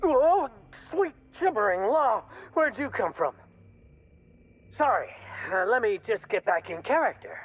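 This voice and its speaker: An actor playing a flustered, folksy sports mascot who pleads and gushes, in a video game. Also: male voice, sits high, big pitch swings, unhurried, breathy edge, highs cut off, heavily acted. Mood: startled, flustered. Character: panicky, folksy male sports mascot turned bumbling errand runner. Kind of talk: video game character acting.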